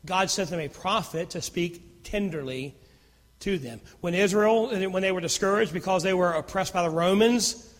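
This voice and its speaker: A pastor delivers a sermon in a large hall, his naturally loud, high voice moving at normal speed. He shifts between fervent emphasis and hushed, almost whispered passages.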